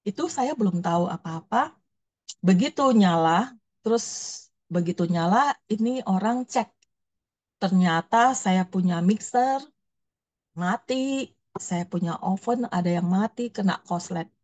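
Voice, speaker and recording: A woman's voice: mid-range voice, lively intonation, unhurried, long pauses, a little mellow, muffled recording. A woman pastor, telling a personal testimony in a sermon, emotional and storytelling, acting out her own prayers.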